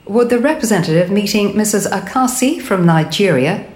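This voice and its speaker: A woman's voice: mid-range voice, lively intonation, normal speed, darkish tone, close to an everyday voice. A woman playing a formal airport announcer, giving repeated public address pages in an echoey PA sound. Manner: formal, repeats each message. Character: formal female airport announcer paging passengers.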